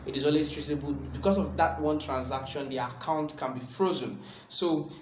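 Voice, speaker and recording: A man's voice: fairly high pitch, moderate pace, echoey room, background noise. A Nigerian man explaining real estate advice in an earnest video talk. He often repeats words and ends points with "right?".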